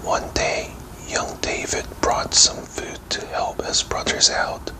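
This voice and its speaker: Slow whispered fairy tale storyteller, a man. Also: low-quality recording. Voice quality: breathy unvoiced whisper. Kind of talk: whispered ASMR bedtime story reading for children.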